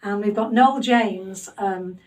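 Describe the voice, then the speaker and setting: Speaking slowly in a mid-range voice, a woman runs a casual podcast interview from her home loft. She's chatty, pokes fun at herself, and leans on lots of fillers, and the homemade recording picks her up through a distant mic.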